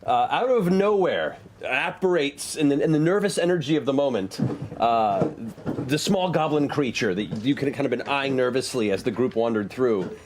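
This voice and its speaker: A man narrating as game master of a tabletop game, with animated delivery and frequent fillers. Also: medium pitch, moderate pace, background noise. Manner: animated storytelling with many fillers.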